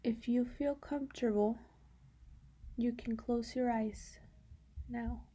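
A woman with a fairly high pitch leads a guided meditation, her soft, breathy voice often falling toward a whisper. She gives calm instructions with long pauses, and there's a little hiss or hum in the recording.

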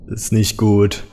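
A man's voice: fairly low pitch, background noise. A man hosting a comedic horror game let's-play, talking sarcastically and exclaiming.

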